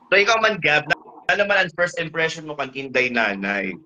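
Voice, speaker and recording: A man's voice: on the high side, big pitch swings, brisk, bright, forceful tone, highs cut off, a little hiss or hum. A man with a Northern Samar Waray accent hosting a casual live stream, playful and teasing as he keeps switching topics. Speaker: host.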